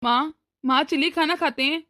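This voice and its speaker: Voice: sits high, normal speed, sharp tone. A voice actor playing an anxious young husband and son in a cartoon, torn between wife and mother. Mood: coaxing. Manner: pleading, anxious. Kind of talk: cartoon voice acting.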